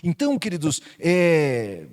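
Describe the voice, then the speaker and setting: A man with a Brazilian Portuguese accent preaching a sermon as pastor, swinging between loud emphatic peaks and quiet intimate asides. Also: on the high side, wildly swooping pitch, takes it slowly.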